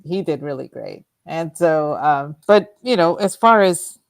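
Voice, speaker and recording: In a radio studio, a middle-aged female co-host spins meandering personal anecdotes, laughing frequently as she goes. She sounds low-pitched and creaky, animated yet unhurried.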